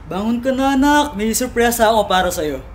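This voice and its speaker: A woman voicing a doting father who speaks gently and affectionately to his daughter. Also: a little high, expressive, moderate pace, a little hiss or hum, natural voice. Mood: tender. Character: caring, doting father, adult man. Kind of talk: animated story voice acting.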